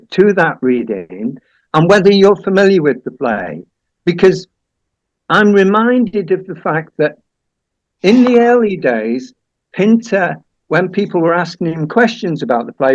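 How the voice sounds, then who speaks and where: Slow, halting man on a dull recording. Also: fairly high pitch, no echo. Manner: hesitant, halting, repeats words. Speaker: host of a play-reading group. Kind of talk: informal discussion introduction.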